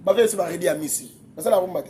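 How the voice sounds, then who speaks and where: A man, debating music as a guest commentator, excitable and quick to laugh, often repeating his words. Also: high-pitched, a little hiss or hum. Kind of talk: heated casual debate.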